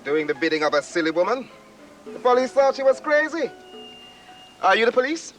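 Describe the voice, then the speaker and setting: An actor playing a defensive, slangy, dismissive street witness in a 1970s TV drama. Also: male voice, extremely high pitch, sing-song, a little fast, fairly bright tone, faint music behind, full character voice, poor audio. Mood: mocking. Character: defensive, mocking street witness stonewalling questions.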